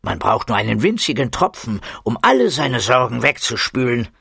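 A man's voice: mid-range voice, big pitch swings, moderate pace, creaky, fairly bright tone, breathy edge, dry recording, studio quality, exaggerated voice. A man voicing a scheming, greedy middle-aged scientist in an audiobook. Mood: gloating.

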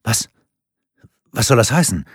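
A man voicing a frightened mother who pleads and struggles to stay calm. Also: mid-range voice, moderate pace, slightly rough, no echo, studio quality, voice pushed up. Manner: pleading, panicked.

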